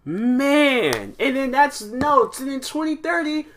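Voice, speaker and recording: Young man, twenties, podcast host, bright tense voice, rambling, casual monologue. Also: extremely high pitch, very animated, slow, slight background noise. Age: 20s. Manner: rambling, full of "like" and restarts.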